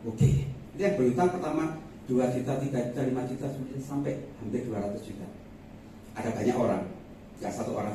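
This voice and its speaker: A man with a lilt preaching a Sunday sermon, telling personal stories with humor and chuckles. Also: medium pitch. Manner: humorous, animated storytelling with chuckles. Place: church sanctuary. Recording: echoey church hall, distant mic, faint noise.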